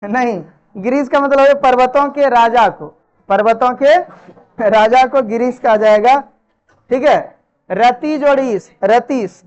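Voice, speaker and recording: A woman teacher runs a live classroom lesson, asking the same questions again and again and nudging her students with familiar, chiding remarks. Her voice sits fairly high. The recording is dull and lo-fi, as if caught in the room. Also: a little slow, darkish tone. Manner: drills students with repeated questions and answers; chiding, familiar address to pupils. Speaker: Sanskrit grammar teacher.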